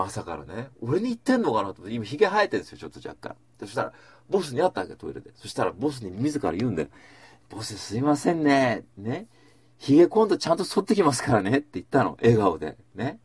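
A man's voice: fairly low pitch, darkish tone, breathy edge, no echo. A man hosting a casual chat, rambling through stories with asides and acted-out quotes.

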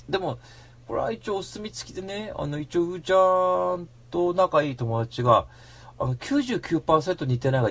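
A man hosting a radio show in a casual rambling monologue, slangy and animated, breaking into mock-angry rants. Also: fairly high pitch, slightly rough.

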